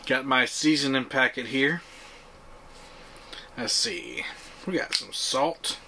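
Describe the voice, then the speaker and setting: A man's voice: medium pitch, takes it slowly. Brief: male outdoor vlogger, easygoing and chatty, mid-range voice, faint outdoor hiss behind. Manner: relaxed, chatty, many "uh" fillers. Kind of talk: casual camping vlog talk. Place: enclosed pontoon boat on the water, outdoors.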